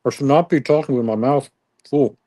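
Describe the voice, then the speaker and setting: A man's voice: medium pitch, moderate pace, mellow, no room sound. A man hosting a casual live cooking stream, chatting with viewers in a self-deprecating way. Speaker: grill streamer.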